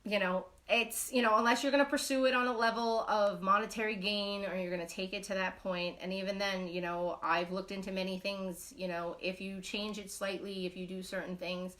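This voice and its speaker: A woman's voice: medium pitch, steady tone, brisk, hardly any pauses, fairly bright tone. A woman from Brooklyn, hosting a casual knitting live stream, talking bluntly with lots of swearing and rambling fillers. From Brooklyn, New York.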